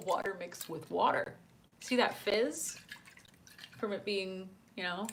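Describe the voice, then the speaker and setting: A woman casually chatting on a live stream, reading out chat messages, laughing often and filling pauses with "um" and "uh", speaking into a desk microphone. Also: mid-range voice, a little hiss or hum. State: hiccuping.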